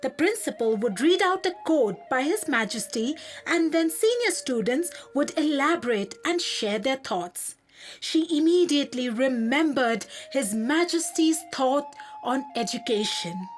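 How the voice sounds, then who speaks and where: A woman tells a children's story in a high, clear voice. She speaks slowly and gently, and soft music plays behind her. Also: expressive. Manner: slow, gentle and clearly spoken. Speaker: narrator.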